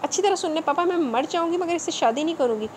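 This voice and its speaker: Spoiled rude rich girl, defiant and petulant, high voice; a woman narrator plays her. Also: expressive, quick pace, a little mellow, slight background noise.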